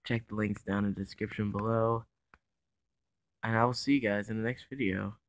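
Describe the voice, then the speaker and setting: A man's voice: lowish voice, fairly even intonation, normal speed, no echo. A man giving playful, casual commentary over his own block-building game, narrating each move as he goes. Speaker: gaming YouTuber.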